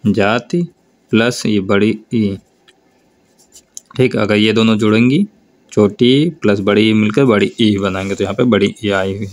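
Man, teacher, low voice, very slow, board exam grammar lesson, North Indian Hindi accent. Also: fairly even intonation. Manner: slow, drawn-out explanation with repeated prompts to look.

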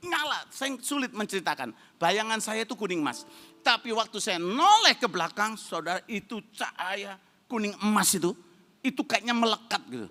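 Animated preacher. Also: male voice, high-pitched. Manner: dramatic, shouting bursts, lively storytelling. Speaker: pastor. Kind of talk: sermon with storytelling. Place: church service.

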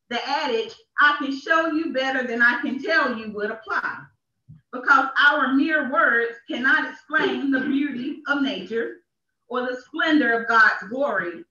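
Heard far from the mic on an echoey, dull church livestream, a woman minister delivers an emphatic sermon in a small church. Her high voice is pushed and bright, and she repeats phrases for effect.

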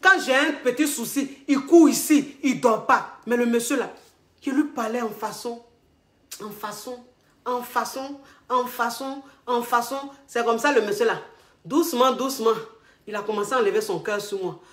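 Woman, Ivorian French accent, relationship coach, comic storytelling, fairly high voice, roomy echo. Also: moderate pace. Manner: expressive, repeats herself, laughs often, acts out dialogue. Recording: echoey room.

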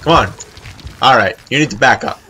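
Bright-voiced man chatting through a game. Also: medium pitch, expressive, brisk, slight background noise. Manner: chatty, swears freely, talks to the game character. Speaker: let's play host. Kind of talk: casual gameplay commentary.

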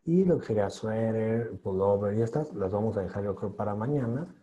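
A man's voice: fairly low pitch, lively intonation, brisk, mellow, muffled recording. A man teaching English pronunciation in an online class, patiently drilling sounds and encouraging students.

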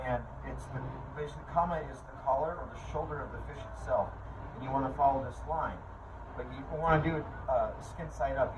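Casual chef in a noisy kitchen. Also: male voice, fairly high pitch. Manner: relaxed, casual, full of fillers. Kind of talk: kitchen cooking tutorial. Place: commercial kitchen. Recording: distant mic with kitchen noise.

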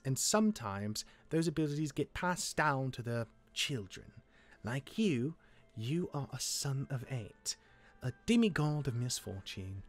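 In a Minecraft roleplay, a man voices a gruff, jaded demigod older brother who cares despite his reluctance. His mid-range delivery is halting and exasperated.

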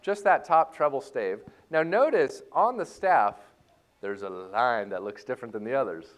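A man leading a church music lesson for a class, joking and playful as he explains reading music and warming up voices. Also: medium pitch, expressive, moderate pace. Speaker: music teacher. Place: church hall.

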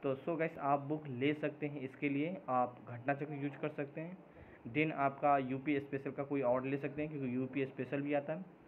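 Medium in pitch and level in tone, this man's voice comes through narrow and tinny with a bit of hiss or hum. Hosting a job-update channel, he responds to viewer comments casually, full of fillers, false starts, and English words, and confesses he can talk too fast.

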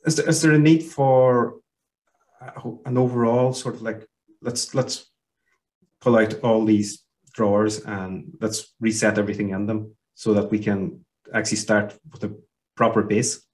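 A man's voice: fairly low pitch, flat delivery, unhurried, darkish tone, poor audio. A middle-aged Irish man asking loose, conversational questions as podcast host over a headset on a video call.

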